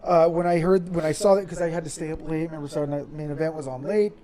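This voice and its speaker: A man co-hosting a podcast in casual chat, excitable and jokey. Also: a little high, very fast, poor audio. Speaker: podcast co-host. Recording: music and crowd noise behind.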